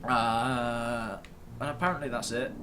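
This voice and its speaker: Over music, a man gives casual, meandering gaming commentary to camera from his computer indoors, as host of a video series. He is self-deprecating and mildly sweary, with a mid-range voice, fairly even intonation and an unhurried pace.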